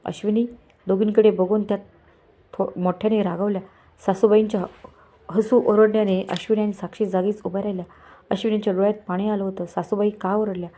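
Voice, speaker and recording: A woman narrating a family moral story in a steady, even storytelling manner. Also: medium pitch, fairly quick.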